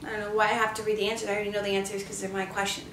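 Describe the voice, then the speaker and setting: A woman's voice: medium pitch, level tone, fairly bright tone, slight background noise. Chatty young woman, roomy distant sound. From Canada. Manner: upbeat, chatty, quick bursts of speech. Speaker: beauty vlogger. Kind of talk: casual chat to camera. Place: living room or home office, indoors.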